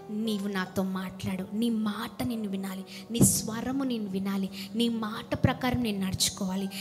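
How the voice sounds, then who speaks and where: A woman preacher giving a fervent sermon and leading prayer, calling out to her congregation and dropping at times to a hushed voice. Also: fairly high pitch. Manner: fervent, calls out to the congregation, swings from loud to hushed. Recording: music playing under the voice. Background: music in the background.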